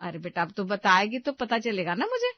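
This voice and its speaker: A woman's voice: medium pitch, wildly swooping pitch, brisk, no room sound, lo-fi sound. A woman voicing a bossy, protective middle-aged mother in a cartoon story, with a stern, scolding tone.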